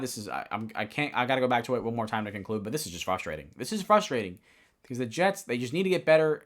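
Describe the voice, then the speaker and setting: A man's voice: mid-range voice, fairly bright tone. A young man hosting a casual solo football recap, rambling, correcting himself and giving blunt opinions. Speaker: sports podcast host.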